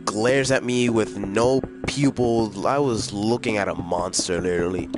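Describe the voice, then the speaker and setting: A man's voice: fairly low pitch, unhurried. A man telling a long personal story in a casual, rambling way, full of fillers and slang. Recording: clear music behind the voice. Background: music.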